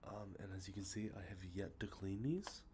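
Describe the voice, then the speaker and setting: With a lowish voice and a brisk pace, a congested, sniffling man quietly shows off his game collection as an ASMR host. He drifts from point to point, filling gaps with ums and uhs and correcting himself. Traffic passes nearby outdoors, adding slight background noise.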